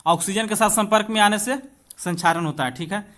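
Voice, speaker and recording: Addressing his students directly, this Indian-accented teacher works through exam-prep questions, reading each aloud and explaining it instructively. He speaks in a high, slightly bright voice and takes English passages more slowly.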